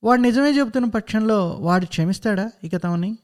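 Man reading a story out loud, calm and even, pretty high voice. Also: a little fast. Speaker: narrator. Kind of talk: read-aloud short story.

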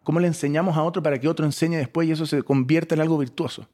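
A man from Chile, a startup founder in his forties, telling stories as an interview guest with an expressive delivery that swings between loud bursts and soft asides. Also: fairly high pitch, rapid-fire. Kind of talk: animated storytelling interview.

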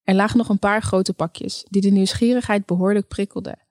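A woman reads a story aloud at a calm, even pace. Her voice sits in the middle range, and the recording is dry and close with no room echo. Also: mid-range voice, a little fast. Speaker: audiobook narrator. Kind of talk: scripted narration.

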